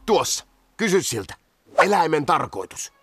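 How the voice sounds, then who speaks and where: Dim eager lynx, slightly high, lively, radio play. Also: male voice, slightly rough, dry recording, soft background music, full character voice. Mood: greedy. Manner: slow-witted, eager. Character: dim, always hungry male lynx.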